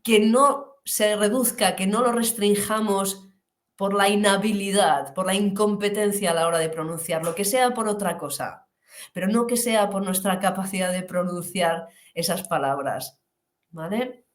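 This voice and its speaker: A woman teaching pronunciation in an online class, animated, slowly stretching the model words she demonstrates. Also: medium pitch, reverberant.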